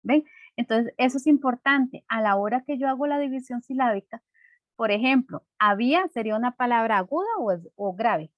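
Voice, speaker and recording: A woman's voice: on the high side, moderate pace, no room sound, lo-fi sound. A woman teacher explaining a lesson patiently and simply, checking in with her class through frequent rhetorical questions.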